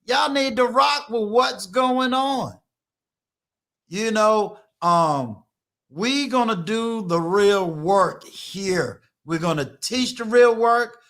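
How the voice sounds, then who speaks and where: A man's voice: sits high, expressive, slow, fairly bright tone. A man in his fifties hosting a live stream, talking to his viewers in a preachy, emphatic, repetitive way. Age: 50s. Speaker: channel host. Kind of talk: live-stream motivational talk.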